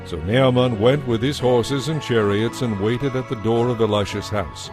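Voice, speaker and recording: This is a dramatized audio Bible narrated by a man speaking at normal speed in a mid-range voice. He follows a script, recorded close on a dry studio mic with soft music in the background.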